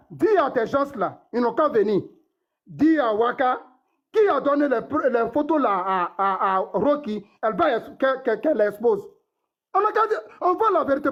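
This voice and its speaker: Ivorian man, very high voice, rambling live-stream panelist, dull lo-fi phone sound. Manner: rambling, repeats words, addresses others directly. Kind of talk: casual live-stream debate.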